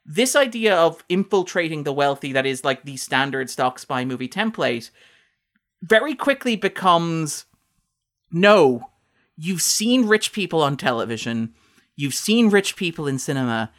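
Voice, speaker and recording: A man co-hosting a podcast, talking through a film's themes in a long, animated, fast-flowing analysis. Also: on the high side. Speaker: podcast co-host. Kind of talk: casual film discussion.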